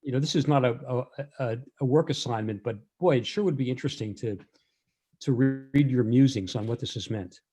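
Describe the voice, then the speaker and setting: Man, school board member, wry conversational tone, mellow voice. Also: mid-range voice, a little fast, breathy edge. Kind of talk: informal remarks at a board meeting.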